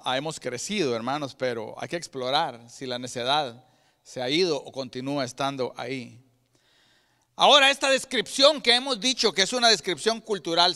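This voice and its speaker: A man with a Guatemalan Spanish accent preaching a sermon as pastor, swinging from loud emphatic peaks to quiet low asides and often calling out to his brothers. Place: church sanctuary. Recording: long reverb of a church hall.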